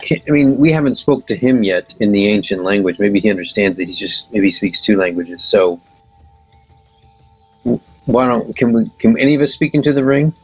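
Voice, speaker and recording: A man's voice: lowish voice, animated, moderate pace, a little mellow, slightly rough. A man chatting casually as a player in a tabletop game. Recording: dull lo-fi audio, music behind.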